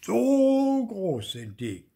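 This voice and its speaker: An older man voicing a poor, short-tempered peasant husband who scolds loudly and impatiently, in a husky voice. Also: a little high, very animated, a little slow, pitched above the performer's own voice, full character voice. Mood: scolding.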